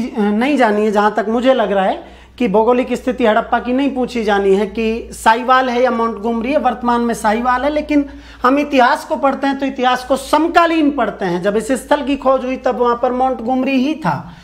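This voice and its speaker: Speaking at a moderate pace in a very high voice, a man teaches an online exam-prep lecture. He asks questions and answers them himself, repeating the key points. Addressing viewers directly, he asks for their answers in the comments.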